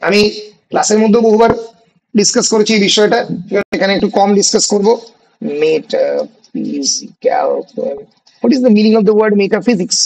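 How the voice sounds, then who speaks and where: A male college English teacher with a Bengali accent, lecturing an online class and dictating exam questions in slow English phrases between Bengali explanations. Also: high voice, steady tone, a little mellow, rough recording. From India.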